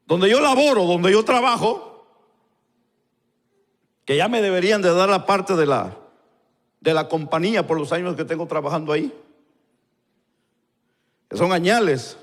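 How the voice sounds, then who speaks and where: A male pastor, telling a story in a live sermon and acting out the dialogue in quieter voices. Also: high-pitched, animated, measured pace, pauses often. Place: church hall. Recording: long church-hall reverb.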